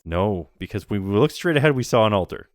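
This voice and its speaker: A man's voice: lowish voice, brisk, dry recording, clean studio sound. A man playing a game on stream, reading its text aloud and joking with a friend in casual commentary. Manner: reads game text aloud with playful, lively delivery. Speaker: channel host playing the game.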